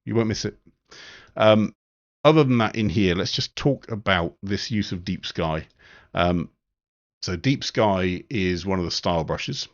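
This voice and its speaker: A man giving a live-streamed photo editing tutorial, relaxed and thinking aloud with frequent ums. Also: deep voice, measured pace, dull audio.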